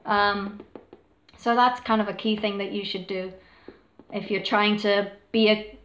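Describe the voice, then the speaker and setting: A woman's voice: mid-range voice, steady tone, a little slow, fairly bright tone, echoey room, slight background noise. A woman streamer chatting casually at home, rambling with laughs, fillers and swearing. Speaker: live streamer talking about cover singing. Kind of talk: casual chat. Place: home room with a dog.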